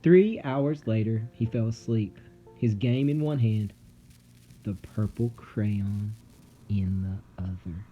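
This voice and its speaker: A man reading a children's story aloud dramatically, with suspenseful, theatrical delivery and deliberate pauses. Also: lowish voice, highs cut off. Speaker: storybook narrator. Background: music.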